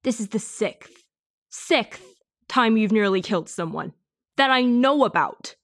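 A man's voice: high-pitched, lively intonation, unhurried, a bit bright, voice pushed up, full character voice. A man voicing a sardonic teenage girl healer, sarcastic and reproachful toward her sister. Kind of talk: audiobook character voice.

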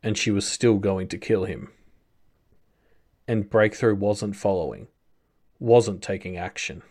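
A man reading a story aloud as narrator, in a slow, measured way. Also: lowish voice, a little mellow. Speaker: audiobook narrator. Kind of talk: scripted narration.

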